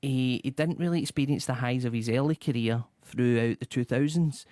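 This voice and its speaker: Presenter: man, mid-pitched, reads a rundown with dry asides, dry close sound. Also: brisk, dark tone, no echo. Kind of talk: scripted rundown with chat.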